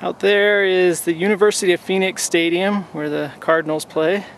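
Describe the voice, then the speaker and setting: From a desert summit, a man in his forties who makes hiking vlogs talks casually to a camera he holds out at arm's length. Speaking at normal speed in a slightly high voice, he rambles easily with plenty of ums, and faint outdoor sounds come through behind him.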